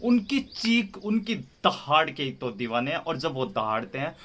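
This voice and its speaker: A man's voice: mid-range voice, very animated, normal speed, sharp tone. A man hosting a reaction video, mocking a film review in a heated, sarcastic way.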